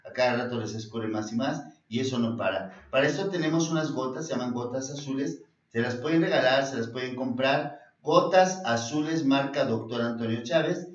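Rambling Mexican doctor host, distant roomy sound. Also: male voice, medium pitch. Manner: rambling and repetitive, often restarts phrases, fond of saying "eh" and "este". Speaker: naturopathic doctor and show host. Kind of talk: health advice talk show with product pitches. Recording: distant mic in a roomy space, dull sound.

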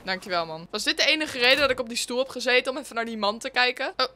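A woman with a high, bright-sitting voice talks her way through a horror game as a let's play host. She reacts out loud to each scare, gasping and exclaiming as she goes, then slips back into chatty commentary. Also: rapid-fire, a little hiss or hum. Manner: jumpy, exclaiming at every scare. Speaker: gaming video host.

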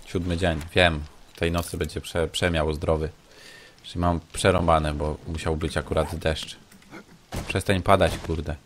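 A man's voice: rumbling low, flat delivery, a little slow, a little hiss or hum. A man giving casual gameplay commentary, grumbling and sarcastically muttering to himself. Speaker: let's play gamer.

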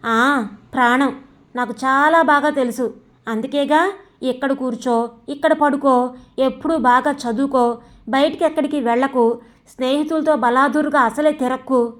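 A woman's voice: sits high, steady tone, normal speed, long pauses, lightly acted. Woman doing a sulky defiant teenage boy. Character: stubborn, resentful teenage son.

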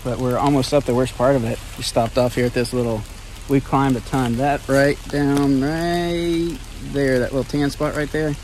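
Relaxed male vlogger talking over his drive outdoors, mid-pitched voice, rain hissing clearly behind. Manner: relaxed, plain-spoken, thinking aloud. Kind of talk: casual narration while driving off-road. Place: outdoors on a rainy forest road, by a vehicle. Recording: outdoor camera audio with rain noise.

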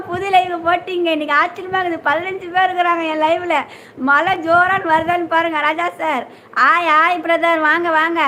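A young woman hosts a casual live stream, her voice high and bright. She greets viewers one by one, reads their comments aloud and asks after their meals and families, over a faint hum of room noise. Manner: greets viewers by name, asks if they have eaten.

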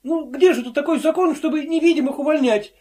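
A man voicing an indignant invisible office clerk who argues in a shrill, insistent, pleading way. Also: fairly quick, a little mellow.

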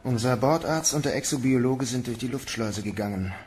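A man plays a world-weary Mars mission commander in a German audio drama, guarded yet protective, delivering his lines in a sombre, matter-of-fact mood. His natural voice is mid-range and darkish in tone, the pace brisk, with a little hiss or hum in the background.

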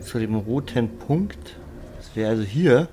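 A man's voice: medium pitch, lively intonation, unhurried. A man giving casual let's play commentary, muttering puzzled asides to himself. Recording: clear game noise behind voice. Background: video game sounds.

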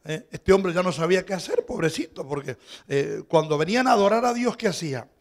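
A middle-aged man with a Rioplatense Spanish accent, preaching a sermon as pastor in a storytelling way, shifting between loud preaching and quiet asides and asking the congregation questions. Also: high-pitched, expressive, a little fast.

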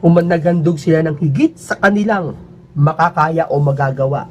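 A man talking casually to his viewers in a rambling, emphatic way, his pitch swinging up and down. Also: normal speed, darkish tone, lo-fi sound, slight background noise. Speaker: vlogger.

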